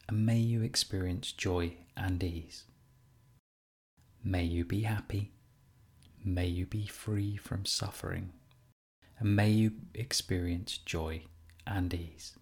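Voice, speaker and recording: Low-voiced man guiding a meditation. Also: slightly rough. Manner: gentle, soothing, unhurried instruction with pauses. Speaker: meditation teacher. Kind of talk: guided compassion meditation.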